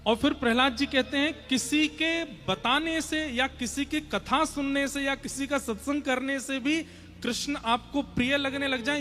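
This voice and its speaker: Young male preacher, high voice, earnest devotional sermon, soft music under it. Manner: earnest, urges listeners to listen closely. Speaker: kathavachak preacher. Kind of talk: devotional sermon with chanted Sanskrit verses. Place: large hall before a seated audience.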